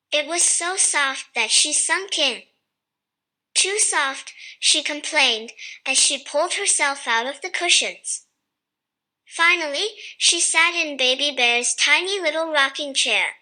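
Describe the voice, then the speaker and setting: Bright slow woman storyteller. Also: high voice. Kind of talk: scripted storybook narration.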